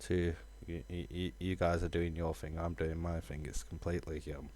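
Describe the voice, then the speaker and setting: A man streaming a game, talking casually in a rambling, halting way with lots of fillers. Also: low voice, level tone, warm tone. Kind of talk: casual live-stream chat.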